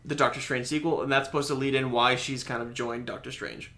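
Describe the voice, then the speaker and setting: A man co-hosting a podcast, giving his views in relaxed casual chat. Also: mid-range voice, brisk. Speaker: podcast co-host.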